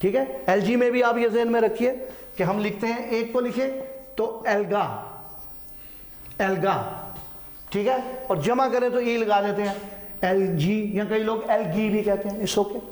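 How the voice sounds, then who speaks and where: Man, science teacher, high voice, repeats key terms, roomy echo. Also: steady tone, normal speed, a little mellow. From Pakistan. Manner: repeats terms, checks in with "ठीक है"; mixes English terms into Urdu. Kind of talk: classroom biology lecture.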